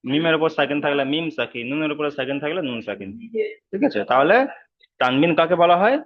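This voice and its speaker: A man teaching Quran reading in an online class, patient, repeating each sound slowly over a video call. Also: fairly high pitch, animated. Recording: slightly dull online call audio.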